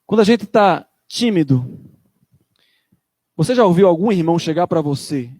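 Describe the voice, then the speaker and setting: Emphatic high-voiced pastor preaching. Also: male voice, lively intonation, moderate pace, darkish tone, no echo, studio quality. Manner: emphatic preaching, acts out church members in quotes. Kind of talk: sermon.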